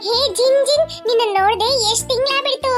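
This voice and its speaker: A woman's voice: very high voice, quick pace. A woman voicing a small, tender-hearted cartoon youngster who pleads and chants spells to call a jinn. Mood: overjoyed. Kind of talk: cartoon voice acting. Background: children's music.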